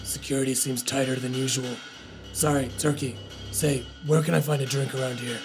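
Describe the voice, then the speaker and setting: A cocky mouse adventurer speaks with wry self-assurance, as a man acts him out. His voice is gravelly and mid-pitched, with music playing behind. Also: little pitch movement, moderate pace, close to an everyday voice. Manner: wry, confident. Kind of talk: audio drama acting.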